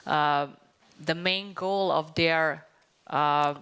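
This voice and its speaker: A woman panelist making a point in a discussion, speaking haltingly with many fillers and restarts. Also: low-pitched, steady tone, fairly bright tone, clear, resonant tone.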